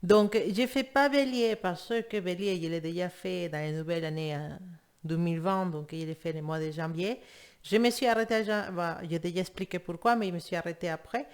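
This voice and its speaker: A woman's voice: lowish voice, brisk. A woman with a Spanish accent, a native Spanish speaker, giving a casual tarot reading and talking straight to her viewers. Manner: chatty, addresses viewers directly as "you". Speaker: tarot reader.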